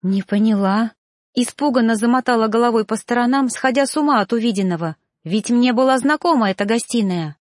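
A woman's voice: fairly high pitch, fast talker, hardly any pauses, no room sound, clean studio sound. A woman narrating a first-person romance novel in an emotive, dramatic way. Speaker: audiobook narrator.

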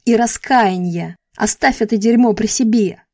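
A woman's voice: fairly high pitch, normal speed, no room sound, clean studio sound. Woman voicing a furious, foul-mouthed young man. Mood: furious shouting. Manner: shouting, swearing at her.

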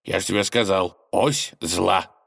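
A man doing Gorynych, soft-voiced three-headed dragon. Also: low voice, gravelly, breathy edge, full character voice. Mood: grumbling. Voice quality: soft, mild voice. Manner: slow, drawn-out, grumbling. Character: three-headed dragon villain, huge, grumbling but soft-hearted. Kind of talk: storybook character voice.

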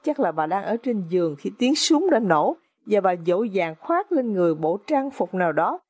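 A woman's voice: mid-range voice, sing-song, normal speed, a little mellow, dry recording. A woman narrating an audiobook in a dramatic, suspenseful storytelling manner.

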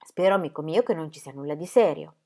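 A woman voicing a courteous, formal male country doctor in an audiobook, with slow, emphatic greetings. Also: low-pitched, animated, warm tone.

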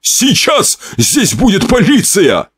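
A man voicing a composed head of a noble household in a horror audiobook, with a soothing, measured manner. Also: medium pitch, animated, no room sound, lightly acted. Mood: panicked.

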